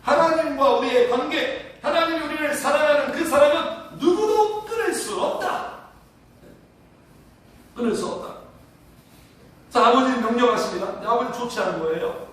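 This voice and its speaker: A man's voice: very high-pitched, animated, normal speed, long pauses, a bit bright. A man preaching a sermon as pastor, leading his congregation in reading aloud together and asking them questions. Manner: leads congregation in call-and-response reading. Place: church sanctuary. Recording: echoey church hall from far off.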